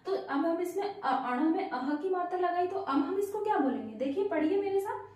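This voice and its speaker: A woman's voice: very high voice, expressive, normal speed, a little mellow. A woman teaching a language lesson to children, patiently asking her learners questions and praising them. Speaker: Hindi teacher. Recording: very echoey room.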